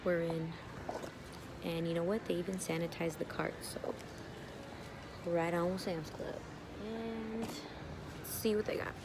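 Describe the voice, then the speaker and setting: A woman's voice: lowish voice, steady tone, takes it slowly, long pauses. A woman chatting casually to camera for a vlog, slangy and offhand, sometimes dropping into half-whispered asides. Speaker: vlogger. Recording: noticeable background noise.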